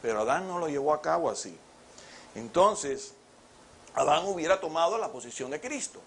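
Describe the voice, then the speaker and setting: A man's voice: on the high side, animated, moderate pace, slight background noise. A man preaching a sermon with rhetorical questions, acting out biblical dialogue as he goes.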